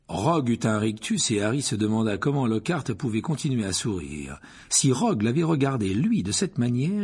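A man narrating an audiobook with an expressive reading style. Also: medium pitch, breathy edge.

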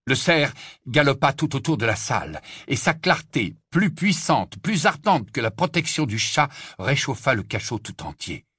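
Husky expressive male audiobook narrator. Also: mid-range voice, normal speed, no echo, clean studio sound. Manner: expressive storytelling. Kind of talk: scripted narration.

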